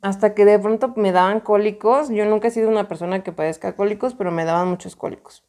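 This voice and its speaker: Young mexican woman telling a story, lots of slang and repeats, warm mellow voice. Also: mid-range voice, steady tone, fast talker. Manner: slangy, emphatic, many repetitions. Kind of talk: casual personal storytelling.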